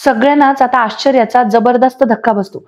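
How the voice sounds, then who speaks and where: Recapping an episode of a TV serial, a woman tells the story steadily in a slightly high voice at a slightly fast pace. She reads the characters' dialogue aloud as she goes, recorded as a voice-over.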